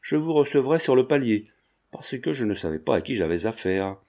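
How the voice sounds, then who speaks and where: A man's voice: mid-range voice, very animated, fairly quick, dark tone. A man voicing a brash, joking male painter who talks in teasing, slangy banter. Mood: gleeful.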